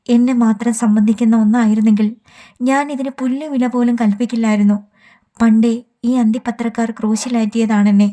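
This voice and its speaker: A woman reading an audiobook, voicing a man who gently reassures a friend over the phone. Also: a little high, natural voice. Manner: gentle, steady encouragement.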